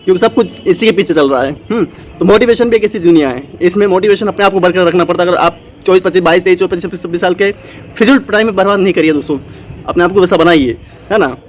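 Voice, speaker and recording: Fast and high-pitched, a motivational channel host speaks off the cuff to students facing exams. His delivery wanders, packed with fillers and false starts.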